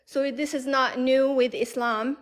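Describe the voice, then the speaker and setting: High-voiced Moroccan-raised woman explaining. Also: steady tone, a little slow. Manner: explanatory, many fillers like "um" and "you know". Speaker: guest. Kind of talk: casual live-stream conversation.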